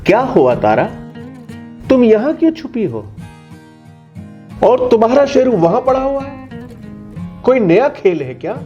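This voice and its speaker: A man voicing a gentle, patient father who soothes and kindly explains things to his child. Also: extremely high pitch, big pitch swings, measured pace, pauses often, dull audio, faint music behind, exaggerated voice. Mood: calling.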